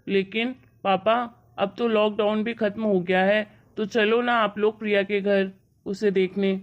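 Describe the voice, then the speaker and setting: A woman's voice: medium pitch, level tone, unhurried, highs cut off, natural voice. A woman voicing an earnest young husband in a cartoon story, pleading with his mother.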